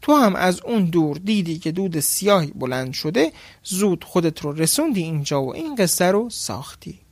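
A man's voice: high voice, sing-song, dry recording, heavily acted. A man voicing a poor, clever male fisherman who talks slyly and mockingly. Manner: sly and mocking.

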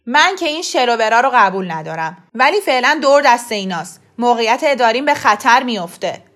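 A woman voicing an angry middle-aged father who scolds his wife in loud, harsh outbursts. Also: fairly high pitch, sing-song, voice pushed up. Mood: angry, scolding. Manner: shouting angrily, scolding.

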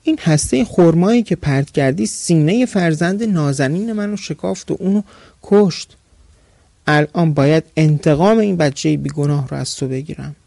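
Storybook ifrit, vengeful and loud, gravelly, as a male narrator does him. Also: on the high side, no echo, voice pushed up. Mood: furious. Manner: furious shouting threats.

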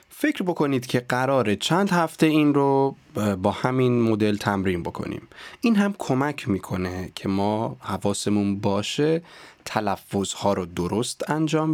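Diction coach, slow and precise. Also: male voice, medium pitch, sing-song, darkish tone, no room sound. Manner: slow, deliberate, over-articulated demonstrations. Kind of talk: podcast lesson on pronunciation.

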